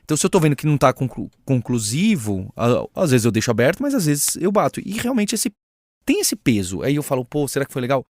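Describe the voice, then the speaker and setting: A man's voice: mid-range voice, big pitch swings, fast, a little mellow, dry recording, clean studio sound. A middle-aged man with a Brazilian Portuguese accent, speaking as a guest in a frank, reflective podcast conversation and acting out quoted dialogue. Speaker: guest, head of a school.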